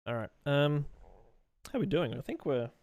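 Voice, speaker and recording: A man's voice: a little high, big pitch swings, normal speed, darkish tone, dry recording, clean studio sound. A young man live streaming while he draws, chatting loosely with viewers and reading out and answering their messages in a rambling way.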